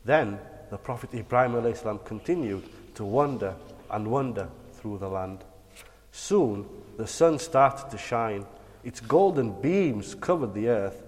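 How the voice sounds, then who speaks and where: A man telling religious bedtime stories to children like a kids' show host, animated and encouraging. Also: mid-range voice, unhurried. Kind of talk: dramatic bedtime religious storytelling. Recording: long hall-like reverb.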